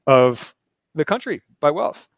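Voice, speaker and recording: A man from Baltimore, Maryland, hosts a casual finance chat remotely from Brazil, explaining ideas in a loose, lecturing rhythm and laughing often. His voice runs high and very animated though slow, and the recording is dry.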